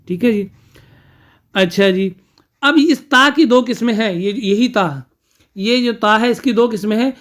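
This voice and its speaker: A grammar teacher lecturing a class, repeating key terms, posing questions and answering them, with frequent checking fillers. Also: medium pitch.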